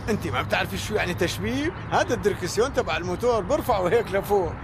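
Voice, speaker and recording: Fast, cheeky Syrian uncle. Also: male voice, sits high, lively intonation, noisy background. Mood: breezy, cheeky. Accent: Syrian Arabic. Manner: flippant, playfully evasive. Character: cheeky, reckless, food-loving uncle, evasive and argumentative.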